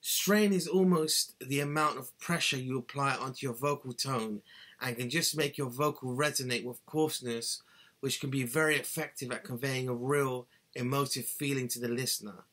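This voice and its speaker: This singing tutor, a man in his thirties, keeps a medium pitch and fairly even intonation at a normal speed, his tone fairly bright. He gives an earnest, instructive scripted lesson to a webcam in a small cluttered bedroom, both hands gesturing.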